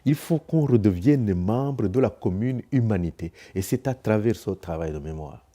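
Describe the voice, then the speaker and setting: A man giving a slow, grave, philosophical testimony. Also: lowish voice, animated, mellow. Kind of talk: reflective testimony.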